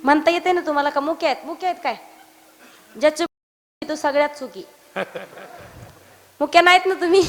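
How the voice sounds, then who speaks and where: A woman from Maharashtra, preaching a kirtan sermon and teasing her listeners with acted dialogue and loud outbursts. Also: sits high. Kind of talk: Marathi kirtan sermon with sung verses. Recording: reverberant hall.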